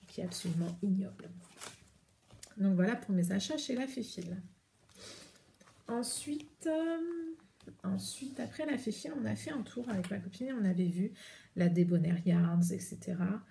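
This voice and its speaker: A woman's voice: medium pitch, normal speed, vocal fry, pauses often, dark tone, slight background noise. A French woman hosting a knitting podcast, chatting casually and rambling with many hesitations as she shows her yarn. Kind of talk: casual chat showing yarn to camera.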